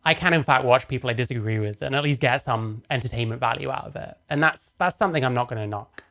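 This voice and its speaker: This streamer delivers fast, fairly bright commentary in a medium-pitched voice as he reacts to a video. He's casual and rambling, full of sarcasm and swearing.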